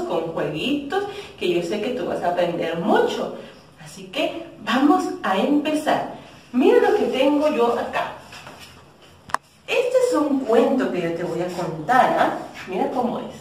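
A woman teacher giving a children's math lesson and telling a story, in a slow, sing-song way meant for little kids, heard in an echoey room from a distance. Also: medium pitch, very animated, a little mellow, a little hiss or hum.

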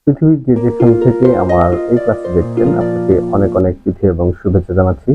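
A man's voice: low-pitched, lively intonation, quick pace, music in the background. A male primary school teacher, introducing a video lesson in a friendly way and checking in with viewers. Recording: tinny phone-like lo-fi sound.

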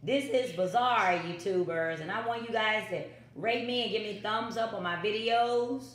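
A woman's voice: mid-range voice, normal speed, fairly bright tone. A middle-aged woman, chatting casually to viewers of her home cooking vlog, repeating her catchphrases. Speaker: vlogger. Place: home kitchen. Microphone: built-in phone mic on the counter. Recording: echoey kitchen.

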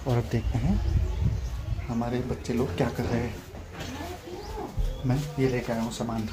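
A man's voice: mid-range voice, level tone, normal speed. A man filming a casual family vlog, chatting to the viewer and pointing things out as he walks outside in the rain and then gets home. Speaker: family vlogger, father. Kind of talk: casual vlog narration to camera. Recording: noisy phone recording.

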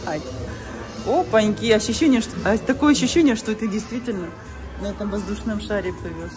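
An older woman films a casual walking vlog on a handheld camera while touring a cruise ship, moving through a huge indoor atrium and shopping halls. Her mid-range voice moves fairly quickly as she gushes and exclaims excitedly at everything. Music and crowd chatter fill the busy public space around her.

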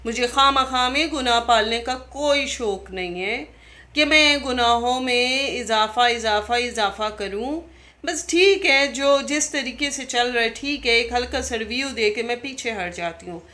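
A woman's voice: on the high side, measured pace, bright, forceful tone. A woman in her thirties ranting indignantly in a video diary, scolding another vlogger with pointed rhetorical questions, recorded on a phone at arm's length in her living room. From Pakistan. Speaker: YouTuber replying to another vlogger. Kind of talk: confrontational video diary rant. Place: living room at home, indoors. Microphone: phone camera at arm's length.

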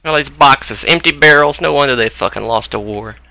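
A man's voice: medium pitch, brisk, gravelly, bright, forceful tone, no echo. A young man giving profane, frustrated commentary while playing a video game at home on a close desk mic. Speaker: gaming video creator. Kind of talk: gameplay commentary.

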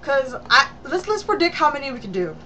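A woman's voice: high voice, big pitch swings, brisk, pushed and bright. A young woman chatting casually at home into a webcam. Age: young adult. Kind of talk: casual chat. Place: small home room, indoors. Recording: faintly noisy webcam room recording.

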